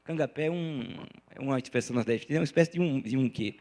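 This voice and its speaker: A man, an arts educator giving an animated talk to educators, chanting folk rhythms and often ending phrases with a quick tag question. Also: medium pitch.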